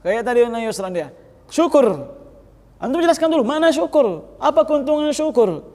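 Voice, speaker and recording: A man's voice: very high-pitched, big pitch swings, moderate pace, darkish tone. A man teaching a class how to preach, giving blunt feedback and laughing now and then. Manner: gives blunt advice and often laughs. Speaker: teacher of sermon practice. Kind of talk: classroom feedback on public speaking. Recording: echoey hall with long reverb.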